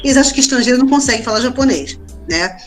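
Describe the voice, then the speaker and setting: A woman's voice: fairly high pitch, lively intonation, racing, faint music behind. A woman from Brazil, a podcast guest, chatting casually and telling stories with lots of tag questions. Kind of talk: casual interview chat.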